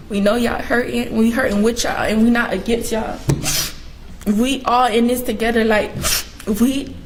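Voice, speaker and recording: A teenage or young adult woman giving a sobbing, tearful apology as a defendant's statement in court. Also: fairly high pitch. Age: teens to young adult. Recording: noisy courtroom audio.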